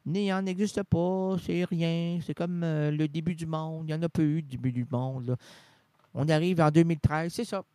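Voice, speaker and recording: A man's voice: a little high, fairly even intonation, moderate pace, darkish tone, big-room sound. A man, rambling absurdly through an improvised comedy sketch. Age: 40s. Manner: rambling, absurd, switching between voices.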